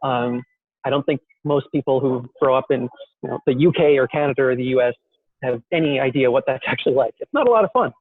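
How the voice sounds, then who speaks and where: A man's voice: medium pitch, fast. A young man in an interview, telling his story in a rambling, self-deprecating way with many fillers and restarts. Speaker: guest entrepreneur. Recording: dry, tinny phone-like call audio.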